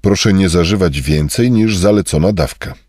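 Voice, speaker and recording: A man reading short phrases in a measured, scripted way for a language lesson. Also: deep voice, a little mellow, no room sound, clean studio sound. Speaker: Polish phrase reader.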